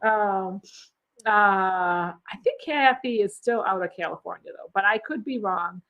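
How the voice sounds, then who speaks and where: A woman's voice: medium pitch, unhurried, phone-quality sound. A woman hosting a casual cruise chat, reading out viewer comments in a bubbly, chatty way and laughing easily. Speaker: cruise vlogger host.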